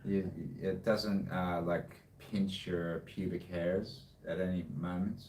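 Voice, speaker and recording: A man's voice: deep voice, steady tone, takes it slowly, darkish tone. A man, chatting casually in a laid-back, rambling way. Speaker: co-host and hobby music producer. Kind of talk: casual chat. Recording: roomy, distant, faint background noise.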